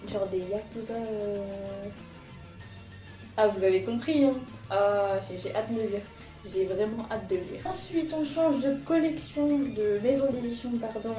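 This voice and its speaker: This manga vlogger's voice sits on the high side and sounds mellow. She's a young woman casually showing her manga purchases, speaking hesitantly with lots of fillers and restarts, in an echoey room where music plays in the background.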